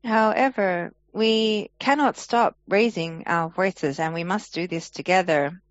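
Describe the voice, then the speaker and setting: A woman interpreter giving a translation voice-over of a speech at an online forum, in an earnest, measured way. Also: on the low side, dry recording. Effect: translation voice-over of a speaker. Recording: dull lo-fi online forum audio.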